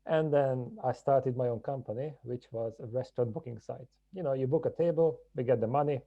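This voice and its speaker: A man from Hungary, a podcast guest telling his story in a measured, reflective way. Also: medium pitch, dark tone, lo-fi sound. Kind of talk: podcast interview.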